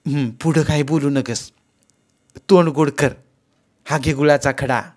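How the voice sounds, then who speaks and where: Give me a man playing a sharp, doting old village mother-in-law with a rural Marathi accent, high and loud. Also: fairly even intonation, a little slow, natural voice. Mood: fussing.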